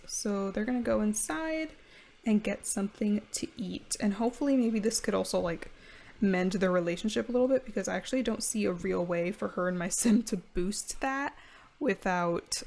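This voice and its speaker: Woman, casual gameplay commentary, chatty, self-mocking, gravelly fry. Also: medium pitch, darkish tone. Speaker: gameplay video creator. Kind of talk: casual let's-play commentary.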